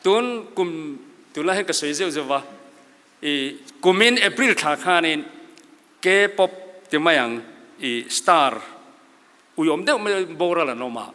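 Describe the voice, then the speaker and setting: Bright, high-voiced preaching man. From Mizoram, India. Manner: earnest and exhorting, quotes scripture. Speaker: church elder giving a motivational talk. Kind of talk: sermon-style motivational speech. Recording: long hall reverb.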